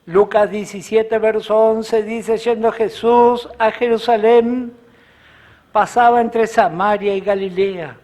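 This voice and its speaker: A male pastor preaching a sermon in short, measured phrases with pauses between them. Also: sits high, steady tone, darkish tone.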